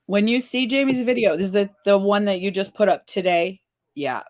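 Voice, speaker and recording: A woman's voice: mid-range voice, brisk, a little mellow. A woman in her fifties hosting a casual livestream chat, reading viewers' comments aloud. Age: 50s. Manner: chatty, reads viewer comments aloud with laughs. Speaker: livestream host.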